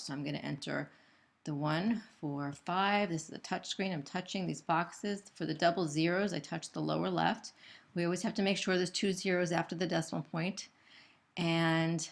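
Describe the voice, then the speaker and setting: A woman's voice: fairly low pitch, creaky. A woman narrating a corporate training video as a trainer, explaining each step in a patient, methodical, unscripted way. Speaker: trainer for gallery sales staff.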